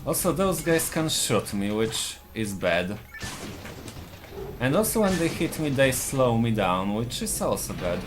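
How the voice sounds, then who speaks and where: Game music accompanies a Polish speedrunner, from Poland and with a Polish accent, as he plainly walks through his tactics during live play. His mid-range voice swings widely in pitch, though his pace stays measured.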